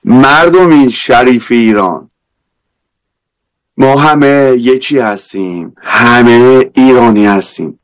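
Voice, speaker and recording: A man's voice: medium pitch, dull audio. A man with an Isfahani Persian accent giving an emphatic political address as a panel guest.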